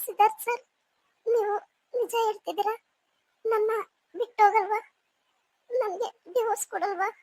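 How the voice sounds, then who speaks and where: A woman's voice: extremely high pitch, steady tone, normal speed, pauses often, darkish tone, no room sound, poor audio. A woman voicing a weak young wife in a cartoon, crying and speaking in broken phrases. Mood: tearful. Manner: faint, broken speech. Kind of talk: cartoon voice acting.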